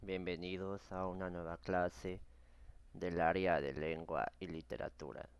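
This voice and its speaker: A man, teaching a recorded grammar lesson and reading out word lists slowly and carefully. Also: low-pitched, little pitch movement, clear, resonant tone, dry recording. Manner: slow, measured dictation of word lists.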